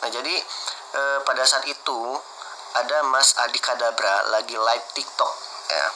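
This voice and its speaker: A man telling the story of a heated dispute in a conversational, animated way, acting out what others said, with frequent "eh" fillers. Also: medium pitch, unhurried, noisy background. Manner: animated, acts out quoted exchanges, frequent "eh" fillers. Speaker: martial artist guest recounting events.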